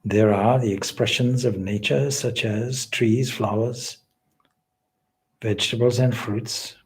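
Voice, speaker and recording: Guiding a meditation as a spiritual teacher, this man speaks with a steady tone in a mid-range voice. He delivers solemn, deliberate phrases at a measured pace, pausing at length between them.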